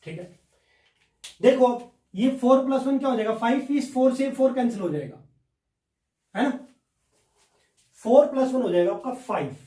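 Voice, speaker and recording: High-voiced maths teacher in an echoey room. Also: male voice, expressive, normal speed, long pauses, warm tone. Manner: explains step by step, keeps asking and answering his own questions. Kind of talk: blackboard maths lesson. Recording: echoey room, mic at a distance.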